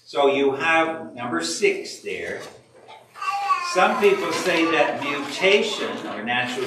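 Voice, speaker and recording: Slow, bright-voiced man teaching in an echoey room. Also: a little high, a little hiss or hum. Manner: slow, deliberate teaching with questions to the class. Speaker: Bible study leader. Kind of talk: church class lecture. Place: church meeting room. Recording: echoey room, mic far off.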